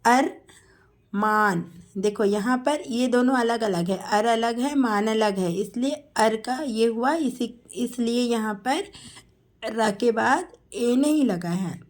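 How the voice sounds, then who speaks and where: Woman teacher, spelling lesson, very slow, drawn-out syllables, slightly high voice. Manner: drawn-out, syllable-by-syllable dictation of names.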